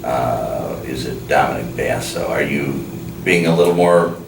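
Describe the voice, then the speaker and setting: Man, interview host, very deep pitch, deferential, halting questions, distant from the mic. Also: expressive. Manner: careful, deferential, hesitant questioning. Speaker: show host. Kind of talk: conversational interview. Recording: roomy, distant mic with clear background noise.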